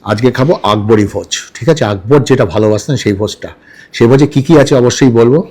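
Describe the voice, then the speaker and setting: A man's voice: mid-range voice, fast talker, a little mellow. A man chatting casually at a restaurant table as a food vlogger, repeating dish names and checking in with viewers. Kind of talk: casual food vlog chat.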